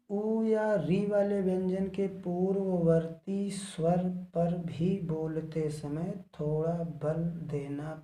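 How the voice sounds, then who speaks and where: A male teacher giving a grammar lesson, speaking slowly and deliberately and repeating each phrase for dictation. His voice is deep-toned and very mellow. He is recorded a little off-mic in an echoey room. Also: recorded from a distance. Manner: slow and deliberate, repeating phrases for students to write down.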